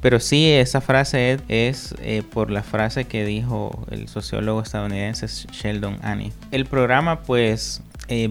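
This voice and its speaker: A man's voice: fairly low pitch, gravelly. A man, a foundation representative answering radio interview questions with many hesitant fillers. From El Salvador.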